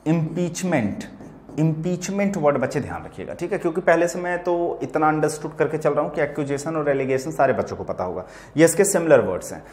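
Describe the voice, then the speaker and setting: A man's voice: medium pitch, darkish tone, echoey room, slight background noise. A man teaching English vocabulary to students in Hindi, explaining patiently and often checking that they follow. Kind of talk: vocabulary lesson.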